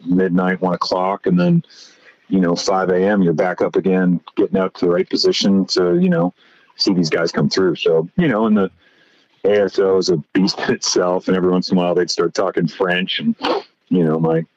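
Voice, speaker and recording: Deep-voiced man telling rambling stories. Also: expressive, brisk, a little mellow, no room sound. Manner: rambling, many fillers like "you know" and "right?". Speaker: podcast guest. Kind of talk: casual conversational storytelling. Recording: slightly dull lo-fi audio.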